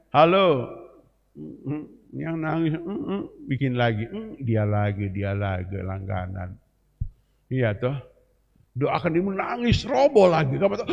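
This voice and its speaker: Lively pastor preaching in an echoing hall. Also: male voice, medium pitch. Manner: lively, calls on congregation to repeat and respond. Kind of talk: sermon. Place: church hall. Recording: reverberant church hall, muffled sound.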